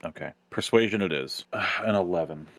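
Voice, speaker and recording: A man with a very deep voice plays at a tabletop game. He describes his character's moves plainly and drops dry, wry comments. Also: a little fast, vocal fry. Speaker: player. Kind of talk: casual tabletop play.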